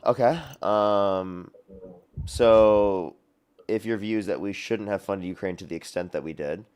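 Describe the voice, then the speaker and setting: A man hosting a livestream debate, screening callers in a fast, repetitive patter. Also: fairly low pitch, darkish tone, clean tone. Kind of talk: casual livestream talk.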